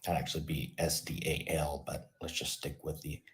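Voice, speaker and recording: A man hosting his channel, telling a rambling comic story off the cuff with a deadpan, absurd humor. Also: a bass voice, normal speed. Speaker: channel host.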